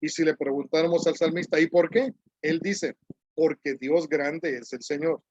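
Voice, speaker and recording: A man preaching a sermon, explaining a psalm step by step, repeating key phrases and reading scripture slowly. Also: on the high side, steady tone, a little mellow, no room sound, lo-fi sound.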